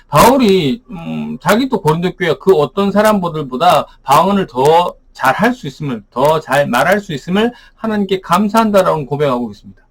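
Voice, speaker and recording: A man's voice: on the high side, animated, moderate pace, few pauses. A man teaching as a pastor, explaining Bible verses in a daily study, asking rhetorical questions and often saying "ne".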